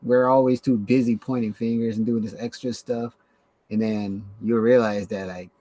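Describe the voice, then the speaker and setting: A man's voice: mid-range voice, fairly even intonation, normal speed, mellow, dry recording. A man from Somalia talking casually and reflectively on a podcast, with frequent "you know" fillers. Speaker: podcast guest. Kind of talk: casual chat.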